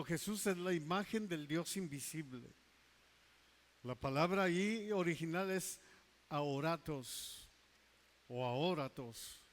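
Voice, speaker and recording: A male pastor with a fairly high voice preaches a sermon emphatically, stretching key words slowly and slipping into quiet asides.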